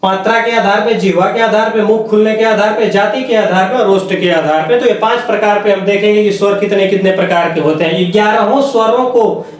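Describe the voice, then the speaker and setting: A man's voice: sits high, a little fast. A man teaching Hindi grammar for exam preparation in a lecture style, repeating points and asking questions that he answers himself. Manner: repetitive, asks the class questions and answers them himself. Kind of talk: exam-prep classroom lecture. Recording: echoey room, mic set far off.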